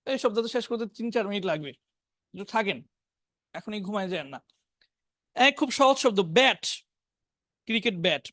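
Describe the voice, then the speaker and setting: A man's voice: high-pitched, fairly bright tone, no room sound, studio quality. Bengali-accented man teaching English vocabulary. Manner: reads word lists slowly, pairing each English word with its meaning. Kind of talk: online spoken English class.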